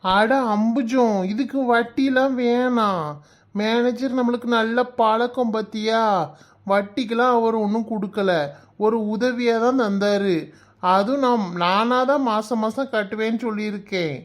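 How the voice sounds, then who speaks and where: A woman voicing a patient, middle-aged village husband and father who tries to calm his wife in an animated comedy. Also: on the high side, a little slow, lightly acted. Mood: placating. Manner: soothing, pleading.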